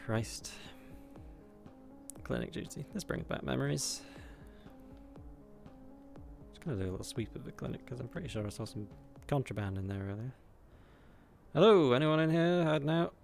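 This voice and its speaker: Male role-play player, gravelly voice, drawling in-character delivery over faint music. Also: mid-range voice, lively intonation, a little fast.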